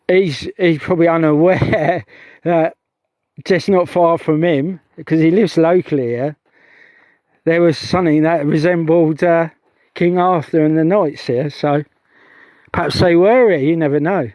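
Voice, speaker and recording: A middle-aged man livestreams outdoors on a heath as a UFO investigator vlogger, speaking a little slowly in a slightly high, somewhat mellow voice with a steady tone. He's chatty and rambling, repeatedly interrupting and restarting himself, and there is no echo.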